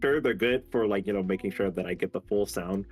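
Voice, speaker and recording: A man's voice: lowish voice, brisk. A man co-hosting a podcast, chatting casually in a rambling way full of fillers and swearing. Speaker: podcast co-host. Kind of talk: casual chat.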